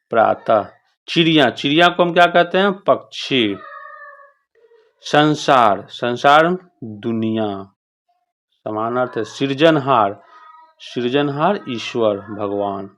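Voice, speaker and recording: A woman teaching, explaining a school workbook patiently, repeating words and often checking in with the class. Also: deep voice.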